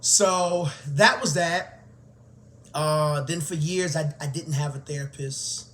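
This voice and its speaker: A man's voice: a little high, slow. A man, a teacher candidly telling his own story in a conversational way. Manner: candid, conversational, grows animated. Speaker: teacher and vlogger. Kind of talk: personal storytelling to camera.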